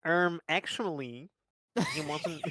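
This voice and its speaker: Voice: mid-range voice, takes it slowly, sharp tone, no echo. A streamer in casual banter, joking and cheering along.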